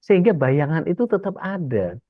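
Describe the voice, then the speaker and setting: A little high and full of big pitch swings, the man's voice moves at a moderate pace as he preaches casually about religion, narrating stories and acting out the voices in them. The dry recording is dull and lo-fi.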